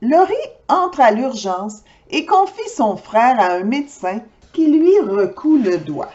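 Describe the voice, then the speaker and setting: Slow, animated storyteller woman. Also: on the high side, dull audio. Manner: lively, slow and expressive, talking directly to children. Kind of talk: children's storybook read-aloud.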